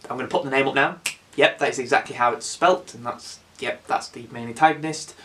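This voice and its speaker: A man casually reviewing a film on his channel, excitable and rambling, with some swearing. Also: medium pitch, a little fast, slight background noise.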